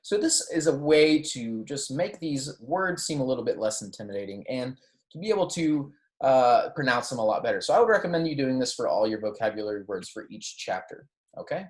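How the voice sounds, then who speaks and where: Lively and fairly quick, a medium-pitched Spanish teacher lectures beginners on pronunciation, having them repeat words after her. She keeps checking in with "okay" and "right," and the sound is roomy and echoey.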